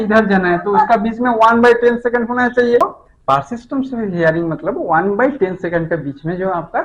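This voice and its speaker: A man's voice: sits high, muffled recording. A middle-aged man teaching a physics lesson, explaining step by step and checking in with his students. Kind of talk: classroom lecture.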